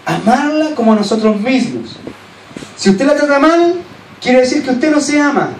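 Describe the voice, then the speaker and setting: A man with a Chilean accent preaching a sermon as pastor, earnestly urging his listeners, then dropping to soft, low asides. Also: expressive, normal speed. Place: church hall. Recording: echoey church hall, distant mic, faint hiss.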